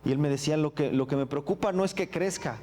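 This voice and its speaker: Man, middle-aged, pastor, sermon testimony, earnest, reflective, halting repeated words, fairly high voice. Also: a little mellow, a little hiss or hum.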